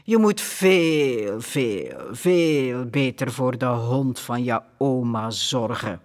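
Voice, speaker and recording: A man's voice: mid-range voice, lively intonation, slow pace, voice pushed down. A man reading a scornful, taunting grown man in a storybook. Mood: mocking. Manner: taunting, condescending. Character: scornful adult man mocking a boy. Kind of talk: audiobook character reading.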